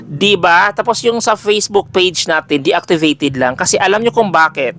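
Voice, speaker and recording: A man with a big, loud voice who runs a folk-healing page, talking casually and animatedly to his followers with jokey exclamations. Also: high voice, lively intonation, moderate pace, slight background noise. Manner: chatty and exclamatory, switching between Tagalog and English, jokey asides. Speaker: folk healer selling remedies, page owner. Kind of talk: casual direct-to-camera address to followers.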